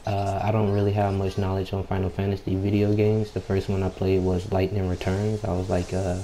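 Young man, gaming YouTuber. Deep, subdued, unhurried voice, extremely flat delivery, casual slangy commentary. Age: young adult. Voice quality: low, subdued voice. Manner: unhurried, laid-back, slangy, frequent "you know" filler; keeps clearing throat. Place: at home late at night, people nearby. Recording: home mic with background noise.

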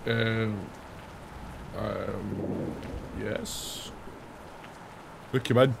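A gaming channel host in his thirties, raspy and gravelly and a little low, speaks extremely slowly on a headset in a room at home. Hoarse from days of singing, he reads on-screen questions aloud, answers them, and cracks jokes in casual let's-play commentary. A steady noisy hiss runs behind his voice.

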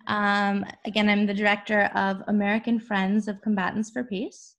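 A woman's voice: mid-range voice, level tone, moderate pace, fairly bright tone. A middle-aged woman introducing her nonprofit on a video call, earnest, with frequent fillers. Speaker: nonprofit director. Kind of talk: introductory remarks. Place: room with windows indoors. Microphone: laptop camera on video call.

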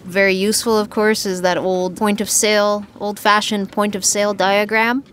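Out on a sailboat deck at sea, a woman in her thirties gives a relaxed, practical talk to camera on sailing basics, gesturing with her hands as she goes. Her voice is medium in pitch at a moderate pace, picked up by a handheld furry lavalier close to her mouth, with faint wind and water in the background.

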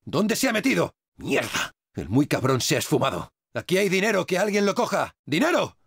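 A gravelly, foul-mouthed game survivor. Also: male voice, on the high side, big pitch swings, a little fast, no room sound, studio quality, heavily acted. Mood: alarmed. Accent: Castilian Spanish. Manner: barked combat shouts and crude wisecracks. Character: foul-mouthed tough male survivor fighting monsters. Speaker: game voice actor. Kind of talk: video game dub lines. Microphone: dry studio dubbing mic.

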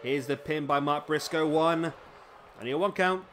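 A man commentating on a wrestling game in a casual, chatty way, with a slightly high voice. He keeps adding tag questions and correcting himself, and his voice is thrown off by hiccups. Faint noise sits under the recording. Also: normal speed.

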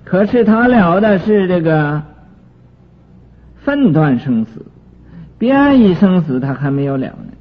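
Slow, husky man giving a sutra lecture. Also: sits high, big pitch swings. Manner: explains terms slowly with many drawn-out fillers. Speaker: Buddhist lecturer. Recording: tinny lo-fi recording with faint music.

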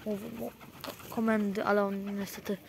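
A man's voice: high voice, flat delivery, moderate pace, creaky, a little mellow, slight background noise. Rambling man outdoors among cooing pigeons. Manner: rambling, frequent fillers and restarts. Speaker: pigeon keeper. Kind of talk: casual vlog narration to viewers.

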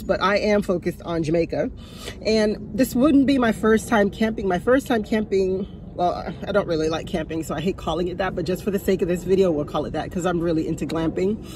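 Sitting in a parked car on a sunny day, a vlogger in her fifties holds her phone at arm's length and gives easygoing advice, chatting, chuckling and repeating herself to drive points home. Her voice sits on the low side, with background noise in the recording.

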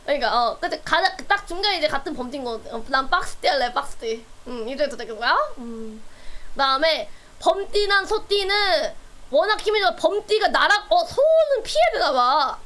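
A woman's voice: sits high, sing-song, normal speed, a bit bright. A woman streamer chatting casually with her viewers, playful and teasing, often breaking into laughter.

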